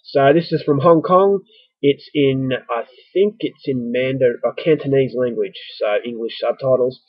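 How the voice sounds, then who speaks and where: In a loose, joking vlog to camera, an Australian man speaks at a moderate pace in a husky mid-range voice, chatty and self-mocking as he rambles. A slight stuffiness suggests he's getting a cold. The sound is dry, slightly dull and free of room sound, like a modest home recording.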